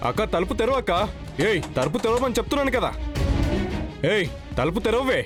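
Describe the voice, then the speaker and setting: An actor playing a threatening man who shouts demands from outside a closed door, muffled and distant. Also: high-pitched, very animated, fast, over loud music. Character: threatening male intruder banging on a door. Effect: heard from outside a closed door. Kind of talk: TV serial acting.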